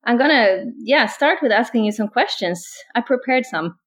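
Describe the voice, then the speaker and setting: A woman in her thirties from Northern Norway co-hosts a podcast in English with a Northern Norwegian accent. Relaxed and laughing often in casual chat, she speaks at a moderate pace in a slightly high voice.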